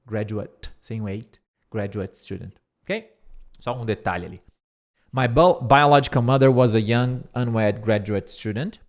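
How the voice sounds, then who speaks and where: Guy teaching english, slow careful english bits, repeats words a lot, quick explaining in between. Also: medium pitch. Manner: repeats words many times to drill pronunciation. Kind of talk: English lesson explaining a speech line by line.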